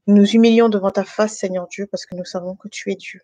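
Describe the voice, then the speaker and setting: A woman's voice: medium pitch, fairly even intonation, fast talker, mellow, no echo, highs cut off. A woman born in France to Guinean parents, speaking casually and with many hesitations while she gives a faith testimony and leads a prayer over an online call from her living room. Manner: hesitant, many fillers and restarts. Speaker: guest giving a faith testimony.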